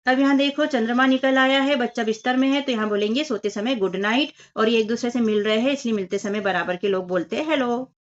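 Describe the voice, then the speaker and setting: Female teacher, patient step-by-step children's lesson, slightly high voice, muffled recording. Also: quick pace, hardly any pauses. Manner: patient, explains step by step, addresses children as 'बच्चों' and 'बेटा'. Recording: dull lo-fi voice recording.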